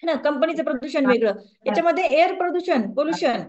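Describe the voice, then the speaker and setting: A woman's voice: high-pitched, fast talker, a little mellow, dull audio. A woman wellness coach gives a conversational lecture to a group and keeps asking the audience questions.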